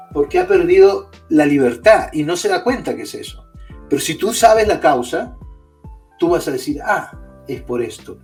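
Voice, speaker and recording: A man's voice: on the high side, a little mellow. A man, a guest author in an interview, explaining ideas by asking and answering his own questions.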